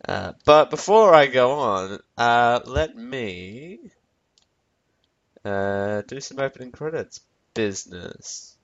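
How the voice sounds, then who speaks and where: Slow-talking, rambling male reviewer. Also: medium pitch, expressive, highs cut off. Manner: rambling, self-correcting, talks to his audience. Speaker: film review host. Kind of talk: casual review commentary. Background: faint background music.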